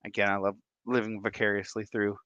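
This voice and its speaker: Excitable, bright-voiced man streamer. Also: on the low side, brisk, no room sound, highs cut off. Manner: excitable, effusive, laughs often. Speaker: livestream host. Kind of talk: casual livestream chat greeting viewers.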